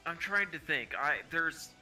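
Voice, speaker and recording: A man chatting casually as a tabletop game player, halting as he searches for words. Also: a little high, sharp tone.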